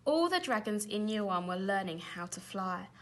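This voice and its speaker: Woman, schoolteacher, expressive children's story narration, bright tone, mid-range pitch. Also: moderate pace, a little hiss or hum. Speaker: primary school teacher reading aloud. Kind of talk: animated children's storybook reading.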